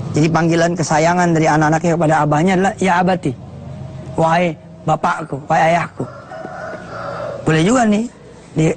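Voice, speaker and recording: An Indonesian male preacher giving a televised sermon, moving between slow drawn-out Arabic recitation and lively talk that acts out family dialogues. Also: a little high, slight background noise.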